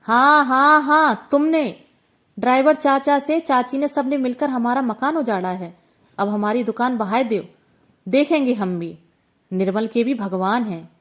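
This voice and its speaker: A poor hunchbacked young woman from a read-aloud story, crying out in a pleading, wailing voice, as a woman narrator puts her on. She sounds wronged and desperate, and her voice sits slightly above an ordinary woman's pitch. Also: measured pace, natural voice. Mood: defiant.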